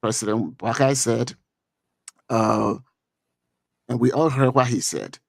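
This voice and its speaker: On a talk show, a middle-aged man from Liberia, speaking with a Liberian accent, gives his take on politics, stumbling, repeating himself and filling pauses often. The studio-quality recording has no room sound and captures his gravelly, medium-pitched voice.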